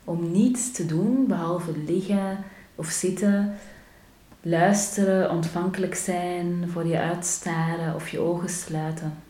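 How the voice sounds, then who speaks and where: A woman hosting a short daily podcast, gently reading a story aloud in a calm, unhurried way. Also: on the low side. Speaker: podcast host. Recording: roomy echo.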